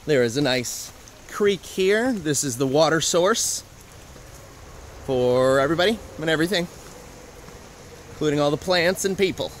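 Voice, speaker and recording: A man's voice: fairly high pitch, animated, normal speed, pauses often, a little hiss or hum. A young man in his twenties giving a chatty, joking walking tour outdoors in the woods, filmed on a handheld camera at arm's length.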